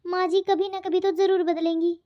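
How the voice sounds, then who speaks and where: A woman's voice: extremely high pitch, level tone, normal speed. A woman voicing a meek, patient young daughter-in-law in a cartoon, speaking politely and pleadingly. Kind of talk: cartoon voice acting. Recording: dull lo-fi audio.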